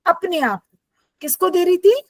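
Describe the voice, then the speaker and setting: A woman teacher, reading English lines slowly and explaining them in Hindi with questions to her students. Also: extremely high pitch, expressive, no echo, poor audio. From India.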